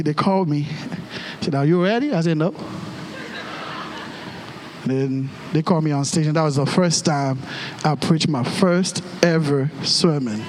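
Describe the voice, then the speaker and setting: A Haitian-accented man whose native languages are Creole and French preaches an animated storytelling sermon, acting out dialogue with exclamations. His voice sits a little high, and the low-quality recording carries a slight hiss or hum.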